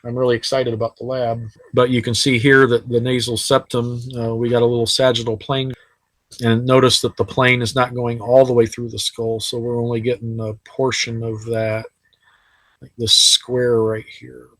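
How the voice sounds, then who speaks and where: A man's voice: medium pitch, little pitch movement, normal speed, a bit bright, no room sound, poor audio. A man teaching anatomy in a casual, chatty recorded lecture over slides, with frequent fillers. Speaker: anatomy instructor. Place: sitting while recording.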